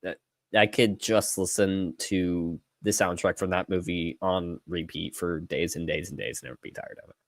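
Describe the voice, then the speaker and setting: A man co-hosts a casual podcast chat in an easygoing, enthusiastic way. His voice sits fairly low. The sound is dry, with no room echo. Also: fairly even intonation, normal speed. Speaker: podcast co-host.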